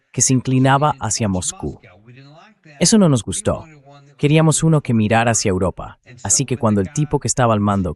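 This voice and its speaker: Translated political commentary is read by a synthetic male voice with a fairly low pitch and darkish tone. The delivery is measured and explanatory, in the role of an interview guest.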